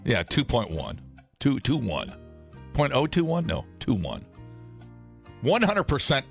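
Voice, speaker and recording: Gravelly, lively joking radio host man. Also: mid-range voice, measured pace, soft background music. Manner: jokey, animated, breaks into silly voices. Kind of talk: casual comedic radio banter. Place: radio studio. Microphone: studio microphone.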